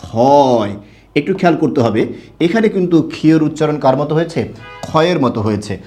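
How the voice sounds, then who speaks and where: A man's voice: on the high side, expressive, very fast, a little mellow, soft background music. A young man teaching a Bengali grammar class online, explaining step by step and asking his students questions.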